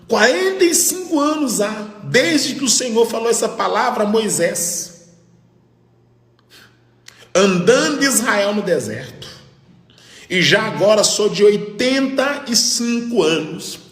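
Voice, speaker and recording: A man's voice: high-pitched, lively intonation, slow. Fervent preaching man in an echoey hall. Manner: fervent preaching that rises to shouts, with bursts of speaking in tongues. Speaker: pastor. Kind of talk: Pentecostal sermon.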